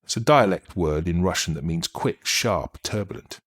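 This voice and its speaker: A man's voice: low voice, animated, normal speed, a bit bright, breathy edge, voice pushed down, heavily acted. A man reading as the melancholy spirit of a dead writer and doctor, rueful and apologetic in an audiobook. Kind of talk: audiobook reading of a channeled letter.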